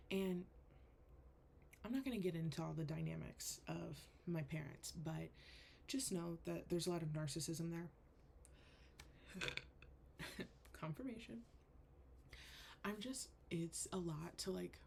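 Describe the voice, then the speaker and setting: A young woman and spiritual coach telling a painful personal story in an earnest, halting way, full of "like". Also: deep voice, creaky, darkish tone, slight background noise.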